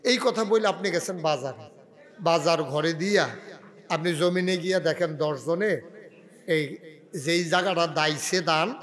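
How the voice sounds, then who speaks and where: High-voiced preacher, dramatic sermon. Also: male voice. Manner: dramatic, swings from hushed to shouting and weeping. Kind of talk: Bangla waz sermon with storytelling.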